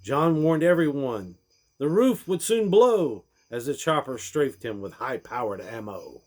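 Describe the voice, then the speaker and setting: Very animated and unhurried, a man with a medium-pitched voice reads a rhyming parody Christmas storybook. His emphatic, theatrical style swells and then drops away at the close of each line.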